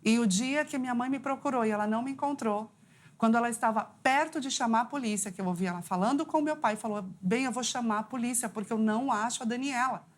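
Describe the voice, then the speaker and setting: A woman, a psychologist guest on a talk show, telling a personal story in an earnest, heartfelt way. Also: fast. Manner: heartfelt, earnest storytelling with rising pitch at climaxes.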